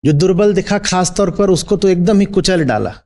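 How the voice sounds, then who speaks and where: A man's voice: sits high, moderate pace, darkish tone. A man teaching as a spiritual teacher in a discourse, posing rhetorical questions and checking in with his listeners.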